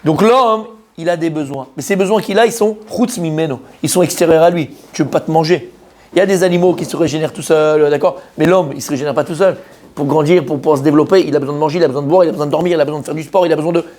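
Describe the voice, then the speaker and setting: A rabbi with a high, bright-sounding voice delivers a spirited Torah lesson in French. He speaks straight to his listeners and peppers his speech with Hebrew phrases. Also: racing. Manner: animated, addresses listeners directly, mixes Hebrew terms into French. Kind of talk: Torah lesson, lively sermon.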